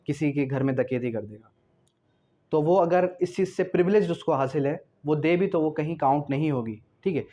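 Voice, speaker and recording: A man with a Pakistani accent delivers an explanatory law lecture, mixing in English and posing questions he then answers himself. His voice is on the high side and a little mellow, the recording's highs cut off, and he slows down in a didactic way to read out clauses.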